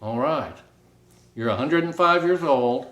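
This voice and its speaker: A man interviewing an elderly veteran, asking short questions in a gentle, patient way. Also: a little high, lively intonation, unhurried, roomy sound.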